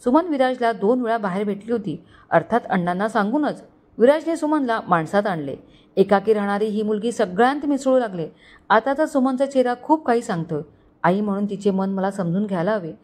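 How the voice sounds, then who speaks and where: A woman narrating a romantic story in an expressive, lyrical way. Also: medium pitch, a little fast.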